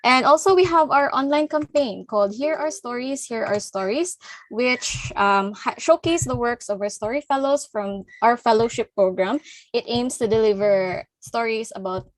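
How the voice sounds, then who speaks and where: A woman's voice: fairly high pitch, moderate pace, dry recording. A woman acting as MC of an online panel discussion, cheerful and laughing lightly between lines. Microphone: video call.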